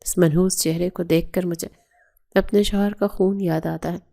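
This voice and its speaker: A resentful, grieving woman of a family home in a storybook, read by a woman narrator. She accuses in a low, mellow voice, barely acted. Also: fairly even intonation, creaky.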